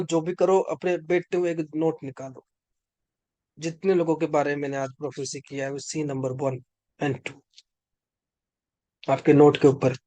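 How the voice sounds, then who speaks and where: A man's voice: a little high, darkish tone, no echo. Fervent, commanding man preaching. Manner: fervent and commanding, with bursts of speaking in tongues. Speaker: preacher leading an online prayer session. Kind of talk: charismatic sermon with prophecy and prayer.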